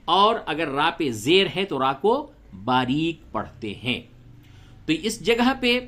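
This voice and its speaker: Patient Quran teacher spelling out letters. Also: male voice, a little high, a bit bright. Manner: explains rules patiently, spells out letters and recites slowly. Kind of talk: tajweed lesson with slow recitation.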